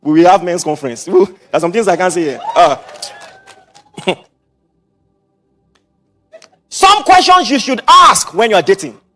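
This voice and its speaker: A middle-aged Nigerian man preaching a sermon, mixing in Pidgin asides and quick repetitions. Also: high voice, sing-song, pushed and bright. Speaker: pastor.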